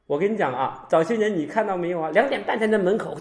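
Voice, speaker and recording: Animated monk giving a dharma talk. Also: male voice, sits high, fast, echoey room. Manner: lively storytelling, acting out dialogues and laughing. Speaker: Buddhist monk.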